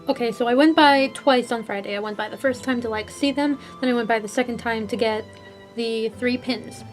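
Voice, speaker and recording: A young woman with a fairly high voice chats through her convention haul, bubbly and giggly, piling on "like" as she gushes. Faint music plays softly underneath her casual vlog. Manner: bubbly and giggly, lots of "like" and gushing. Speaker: vlogger.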